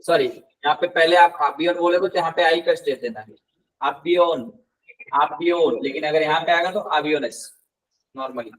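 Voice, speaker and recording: A male tutor leads a live class, repeating each word slowly and patiently firing questions at his students. His voice sits a touch high for a man and sounds slightly distant from the microphone. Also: a bit bright. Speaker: Spanish tutor. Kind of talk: live class teaching with explanations. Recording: voice somewhat distant from the mic.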